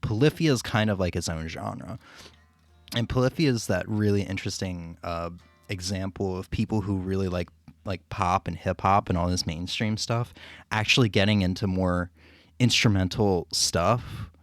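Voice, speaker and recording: Casting: male streamer, lowish voice, loose hesitant rambling chat, close dry mic. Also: normal speed, no echo, soft background music. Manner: rambling, hesitant, profanity-laced. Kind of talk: casual chat to a stream audience.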